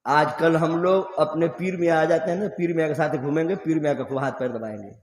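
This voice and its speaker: A man's voice: fairly high pitch, fairly quick. A man with a Bhojpuri-influenced Hindi accent preaching an emotional sermon at a mosque gathering, telling stories and asking the crowd questions. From eastern Uttar Pradesh, India. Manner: emotional storytelling, asks the audience questions. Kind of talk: religious sermon at a public gathering. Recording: reverberant hall through a PA.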